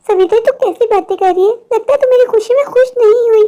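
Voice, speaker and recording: A woman voicing a bitter, sharp-tongued older mother-in-law in a cartoon story, taunting her daughter-in-law. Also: extremely high pitch, fast talker, highs cut off, voice pushed up. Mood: gloating.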